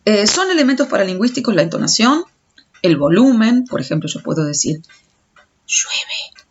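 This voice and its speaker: A woman's voice: medium pitch, big pitch swings, brisk, slightly rough. Woman lecturing on a dull recording. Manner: explanatory, stumbling restarts on words. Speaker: teacher.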